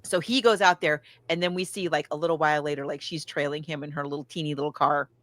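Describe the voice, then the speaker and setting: Recorded dry with little room sound, a podcast co-host with a slightly low, fairly bright, steady voice chats casually through a film recap. Her retelling is halting as she circles back and thinks aloud, and she acts out characters' lines in casual asides.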